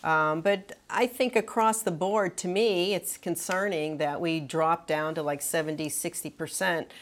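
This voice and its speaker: Low-voiced woman clinician explaining guidelines. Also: unhurried, slight background noise. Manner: earnest, explanatory, frequent fillers. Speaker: clinician panelist. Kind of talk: medical panel discussion.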